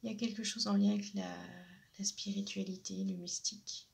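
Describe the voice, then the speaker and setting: A woman giving a spiritual oracle card reading. She talks hesitantly with many fillers and often drops into a soft half-whisper. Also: medium pitch, flat delivery, fairly quick, creaky.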